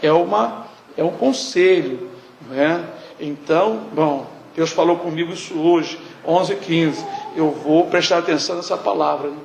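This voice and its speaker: A man's voice: a little high, moderate pace, creaky, echoey room, a little hiss or hum. A male pastor preaching a conversational sermon, often tagging his sentences with questions and acting out prayers. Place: church hall.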